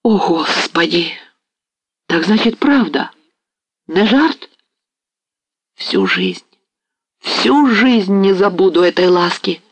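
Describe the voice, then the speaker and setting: A man's voice: on the high side, sing-song, unhurried, no room sound, full character voice, low-quality recording. A man voicing an eager young male cossack who talks in a rush of joy and sighs. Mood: overjoyed.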